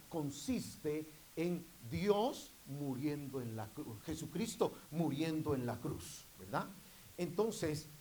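A man preaching a sermon to his congregation, repeatedly calling out to them and rising into loud, emphatic bursts. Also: a little high, slight background noise, rough recording.

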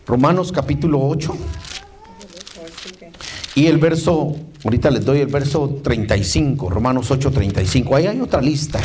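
Delivering a sermon in a high, somewhat mellow voice, this man reads out Bible verses and has the congregation echo his phrases. "Hermano" and "mire", meaning brother and look, come up again and again.

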